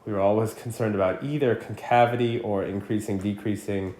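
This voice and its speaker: A man teaching calculus in a casual screencast lesson, thinking out loud and checking in with his students, coughing now and then. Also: fairly low pitch, fairly even intonation, fairly quick. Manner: casual, thinks aloud with frequent "right?". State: coughing repeatedly. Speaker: math teacher. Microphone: screencast recording mic.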